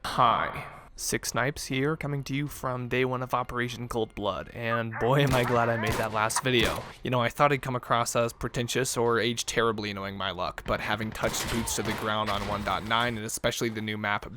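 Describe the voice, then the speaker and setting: A man's voice: mid-range voice, steady tone, moderate pace, noisy background. A man giving scripted commentary for a video game gun guide, with wry, self-deprecating humor. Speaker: gaming YouTuber. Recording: voice-over with game gunfire behind.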